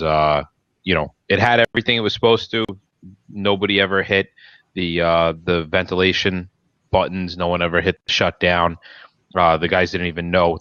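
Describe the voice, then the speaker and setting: A man's voice: sits low, a bit bright, no room sound, muffled recording. A man co-hosting a podcast, talking casually through an incident as a responder.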